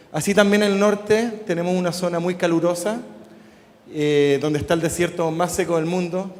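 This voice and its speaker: Conference speaker: Chilean man, middle-aged, slightly high voice, conversational, long hall echo. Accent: Chilean Spanish. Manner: relaxed and conversational, with frequent "eh" fillers. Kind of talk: conference talk. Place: large conference hall with an audience.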